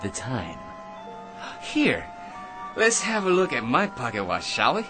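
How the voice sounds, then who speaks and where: An actor with a medium-pitched male voice plays an excitable, self-important eccentric in a radio drama, rambling and stammering through grand schemes in a theatrical, unhurried delivery. He sounds eager and sly. Music plays in the background.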